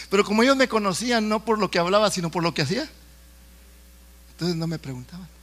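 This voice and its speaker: Middle-aged male preacher from Mexico, high bright voice, chatty sermon style. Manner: conversational, with asides and jokes to the congregation.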